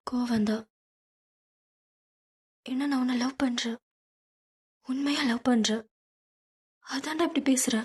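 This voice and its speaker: A woman's voice: high-pitched, slow pace, long pauses, breathy edge, voice pushed up, full character voice. A woman voicing a proud, self-respecting young woman in an audiobook, speaking sharply and indignantly. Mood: indignant, hurt. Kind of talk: audiobook character reading.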